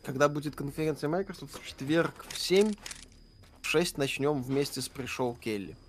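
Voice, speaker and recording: A man's voice: on the high side, normal speed. A man hosting a live gaming stream, reading viewer questions aloud and answering in a dry, offhand way. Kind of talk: casual live stream chat. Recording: stream with background music. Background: music playing.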